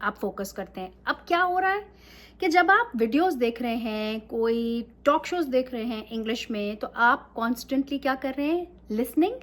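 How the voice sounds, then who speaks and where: A woman's voice: fairly high pitch, expressive, normal speed, a bit bright. A woman teaching English in a casual talk, mixing Urdu and English and often checking in with her listeners.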